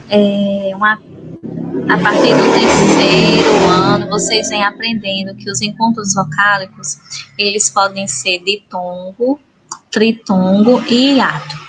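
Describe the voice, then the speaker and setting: A woman's voice: medium pitch, background noise. A woman teacher with a Brazilian Portuguese accent giving a recorded lesson to young schoolchildren, patiently spelling out syllables and checking in with "certo?".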